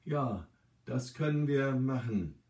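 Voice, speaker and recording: A man's voice: medium pitch, lively intonation, takes it slowly, a little mellow, distant mic. A man reading a story and voicing a frail, forgetful elderly woman who hesitates as she searches for her memories. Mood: hesitant. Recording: roomy, from the mic.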